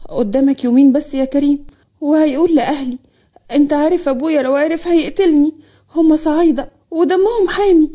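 A woman's voice: high voice, fairly quick, dark tone, close to an everyday voice. A woman playing a frightened pleading young woman. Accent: Egyptian Arabic. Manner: pleading, tense.

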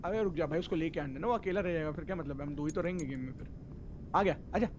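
A man's voice: fairly high pitch, quick pace. A man streaming a game, chatting casually and giving directions to his teammates. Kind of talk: casual gaming chat with friends.

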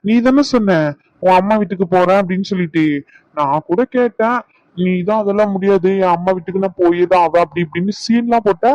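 A man's voice: sits high, fast talker, a little mellow, no room sound, lightly acted, rough recording. A man voicing a teasing, bossy young husband in a cartoon, scolding in banter. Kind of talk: cartoon voice acting.

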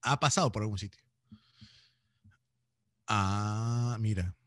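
A man's voice: fairly low pitch, slow, fairly bright tone, no room sound, clean studio sound. A man with a Peruvian accent teaching a class, teasing and playfully scolding his students and laughing often. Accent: Peruvian Spanish. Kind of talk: joking online class lecture.

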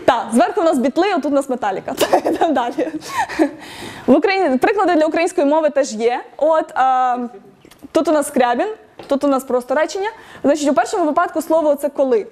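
A woman's voice: high-pitched, fast, darkish tone. A woman giving an interactive lecture at a tech meetup, quizzing the audience, laughing often and encouraging answers.

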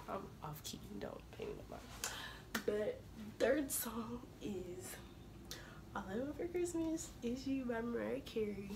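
A young woman vlogging casually to her viewers, her voice slightly hoarse from a cold, chatting informally and calling them y'all. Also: fairly high pitch, expressive, takes it slowly, background noise. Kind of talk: casual vlog chat to camera.

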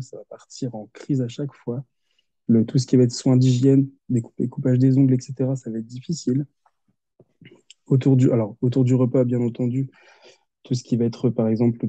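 This occupational therapist, a man in his thirties, has a husky, mellow mid-range voice with no echo. Wearing a headset in his windowed home office, he gives a video call interview, explaining patiently with examples over muffled audio.

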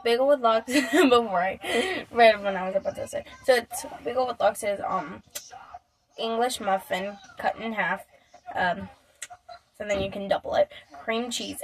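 A woman's voice: a little high, poor audio. A woman vlogger talking casually to her camera, rambling with lots of fillers and restarts. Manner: rambling, filler-heavy with many likes and restarts.

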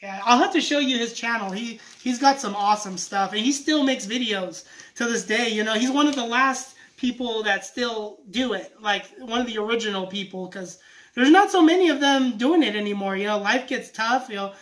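A man's voice: very high voice, normal speed, a bit bright, rough recording. A man hosting a casual vlog, talking in an upbeat, chatty way. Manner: upbeat and chatty, often laughing. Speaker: vlog host. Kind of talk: casual chat about autograph mail.

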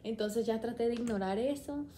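A woman's voice: on the high side, a little fast, mellow, a little hiss or hum. A young woman, chatting and rambling as she tells a personal story on her vlog. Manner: chatty, rambling, quoting herself often. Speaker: vlogger.

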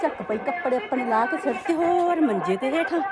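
A woman's voice: sits high, lively intonation, brisk, a loud crowd. A woman with a Punjabi accent chatting casually and homely as she narrates household chores for a family vlog. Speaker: family vlogger.

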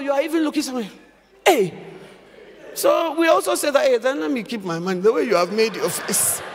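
A woman pastor preaching a sermon in an animated, emphatic way, often raising her voice to a shout. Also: high-pitched. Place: church hall. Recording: reverberant church hall, faint background noise.

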